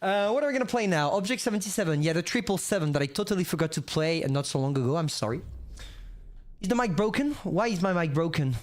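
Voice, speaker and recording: A young French gaming streamer with a French accent chats casually with viewers as he plays, rambling and talking to himself. His voice is high-pitched and animated, and he talks fast, while his noisy, glitchy mic keeps cutting out.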